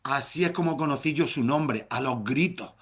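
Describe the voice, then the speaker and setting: A middle-aged man telling a humorous story live, playful and theatrical, with shouted exclamations. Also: medium pitch, normal speed.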